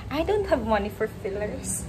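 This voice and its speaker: A woman, chatting casually through a vlog, soft-spoken and laughing easily. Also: on the high side, big pitch swings, moderate pace, background noise. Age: 20s. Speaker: vlogger. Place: small apartment room, indoors. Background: background music.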